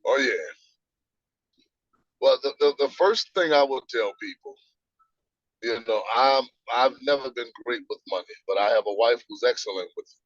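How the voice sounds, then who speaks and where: A man's voice: medium pitch, normal speed, long pauses, no room sound, highs cut off. A man guest on a video call, quoting scripture and explaining points step by step in a teaching manner. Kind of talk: casual interview, teaching.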